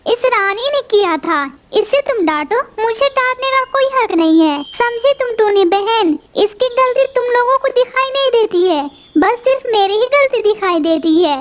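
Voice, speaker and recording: A squeaky, very high cartoon parrot girl who snaps and bristles at everyone, voiced by a woman. She talks in a shrill, quarrelsome way. Faint hiss sits under the voice. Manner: shrill, snapping and vengeful. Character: quarrelsome hot-tempered female parrot. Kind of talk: cartoon voice acting.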